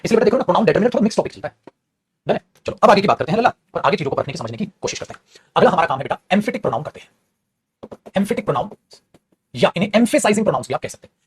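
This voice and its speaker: A man teaching an English grammar class, talking quickly and chattily and calling his students "beta". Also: sits high, big pitch swings, a little hiss or hum. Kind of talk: classroom grammar lesson in Hindi.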